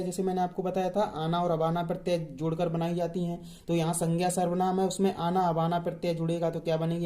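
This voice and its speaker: A man's voice: sits high, warm tone. A man teaching a grammar class, who keeps asking questions and answering them himself and repeats each key definition.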